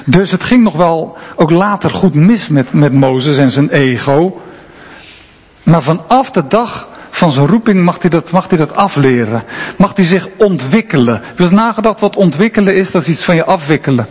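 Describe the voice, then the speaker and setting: A man's voice: fairly high pitch, expressive, moderate pace, breathy edge. A man preaching a sermon in a conversational, emphatic way, often asking rhetorical questions. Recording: long reverb of a large hall.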